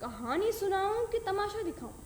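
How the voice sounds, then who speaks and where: A woman's voice: very high voice, very animated, moderate pace, recorded from a distance, a little hiss or hum, pitched above the performer's own voice. A woman voicing a mischievous boy who teases his sister, in an echoey room. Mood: sly. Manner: sly, teasing. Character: mischievous boy, scheming prankster.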